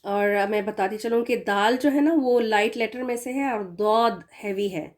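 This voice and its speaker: A woman teaching a recitation lesson, explaining patiently and stretching out the example words slowly. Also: on the high side. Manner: patient explaining, slow drawn-out demo words. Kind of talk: tajweed lesson.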